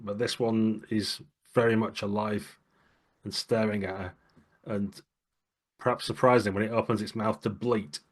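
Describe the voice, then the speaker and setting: A man acting as narrator in a tabletop game, describing the scene in a measured, descriptive way. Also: lowish voice. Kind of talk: tabletop role-play narration.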